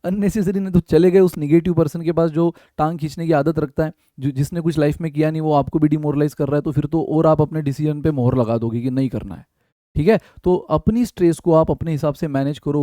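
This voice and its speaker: A young man talks through study tips in a casual, direct way. His voice sits a little high but sounds mellow and warm. It is recorded close and dry. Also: no room sound. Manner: casual, direct, addresses viewers as guys. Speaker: exam prep teacher. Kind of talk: motivational study-tips talk.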